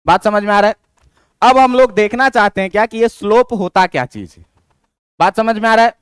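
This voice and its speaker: Male physics tutor, crisp voice, dry close sound. Lectures, asks and answers his own questions. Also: high-pitched, fairly quick, dry recording. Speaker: physics teacher. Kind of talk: classroom lecture.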